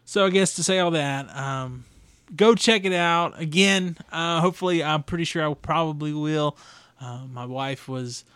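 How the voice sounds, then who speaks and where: This young adult host's solo review meanders through his thoughts with fillers and false starts. He speaks at a medium pitch, smooth and a touch bright, and the recording has no room sound.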